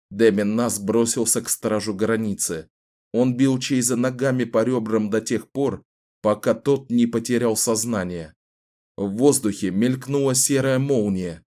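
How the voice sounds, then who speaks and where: A man's voice: on the low side, steady tone, mellow. Man narrating a dramatic audiobook. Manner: measured, dramatic storytelling.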